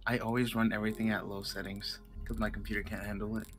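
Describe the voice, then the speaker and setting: A man's voice: on the low side, flat delivery, fast, a bit bright. A man joking around with friends during a game session, laughing often and using playful slang. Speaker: streamer friend. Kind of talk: casual gaming chat.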